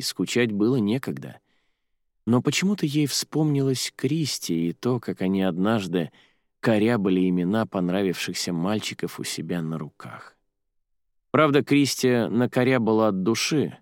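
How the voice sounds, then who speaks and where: Male narrator for young-adult fiction, expressive, low, dry booth. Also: no room sound. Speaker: audiobook narrator. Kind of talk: storybook narration.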